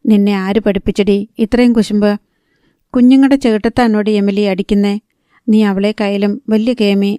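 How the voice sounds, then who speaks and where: A protective elderly grandmother in a storybook, read by a woman narrator, firm and chiding. Her voice is mellow and smooth, with little rise and fall. The sound is close and dry. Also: medium pitch, level tone, normal speed, dry recording, lightly acted. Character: scolding old grandmother, protective of the children.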